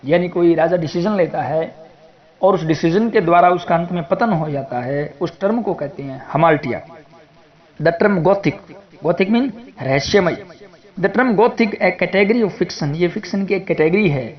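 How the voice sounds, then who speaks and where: A male tutor with an Indian accent steps through literature exam questions one at a time. He reads each question out slowly in English, then rattles off a fast explanation in Hindi. His voice sits a little high, and the recording sounds dull and lo-fi. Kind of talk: exam prep lecture.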